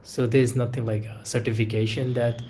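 A man's voice: mid-range voice, little pitch movement, moderate pace, a crowd in the background. A young man practicing English over a video call, hesitant and a little under the weather with a cold. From grew up in India. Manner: hesitant, many fillers and restarts. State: has a cold. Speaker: English learner. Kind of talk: casual video-call chat. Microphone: earbuds on a video call.

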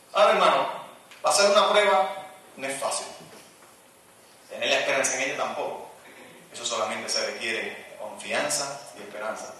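A man preaching with a bright, forceful tone, bursting into loud exclamations and then dropping to hushed asides. He sounds set back from the mic in a large, very echoey church, with faint noise under the voice. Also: medium pitch, recorded from a distance. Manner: swings between loud fervent exclamations and quiet asides. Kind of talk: charismatic sermon.

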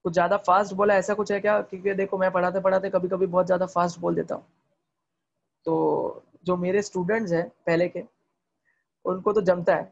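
A man teaches chemistry over a video call, rushing his words and firing repeated questions at his students in Hindi laced with English terms. His voice sits high and has a gravelly, husky edge. The call audio comes through dull and lo-fi. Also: flat delivery. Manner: talks fast. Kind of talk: online class lecture.

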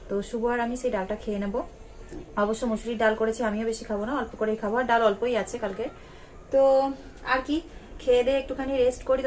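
A woman's voice: fairly high pitch, a little hiss or hum. A young woman from West Bengal with a Bengali accent, chatting casually to her viewers in a home vlog. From West Bengal, India. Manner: chatty, addresses viewers as friends. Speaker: home vlogger. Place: home, indoors.

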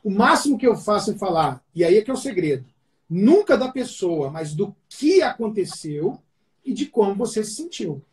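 A man with a Brazilian Portuguese accent, a pastor giving family advice in a relaxed talk, telling stories and acting out the dialogue in them. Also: sits high, normal speed. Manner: storytelling, acts out quoted dialogue. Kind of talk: family counseling talk with anecdotes.

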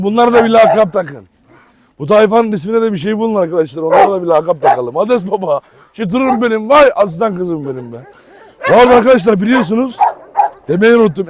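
A man talking casually to his viewers outdoors while giving firm commands to his dogs and calling them pet names. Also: high voice. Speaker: dog owner and vlogger. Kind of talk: casual vlog commentary to viewers. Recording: loud barking dogs and outdoor noise. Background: dogs barking.

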